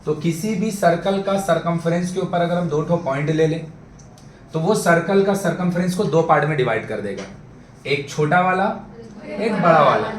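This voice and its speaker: The recording, made in an echoey classroom with faint background noise, captures a man teaching math to his students. His voice runs on the high side at a normal pace, and he's talkative, repeatedly confirming that the class is keeping up.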